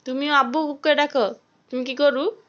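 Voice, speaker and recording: A young mother chats with her toddler, switching between mock scolding and gentle coaxing. Her voice sits fairly high. The home recording is dull and lo-fi, as if captured on a phone. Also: fairly even intonation, normal speed. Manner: playful, coaxing, sing-song questions to a toddler. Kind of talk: casual home video chat with a small child.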